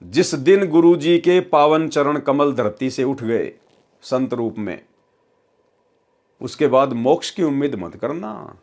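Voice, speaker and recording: A man's voice: mid-range voice, lively intonation, takes it slowly, darkish tone. A man giving a devotional talk, earnest, who reels off long lists and keeps asking rhetorical questions. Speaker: follower presenting the sermon.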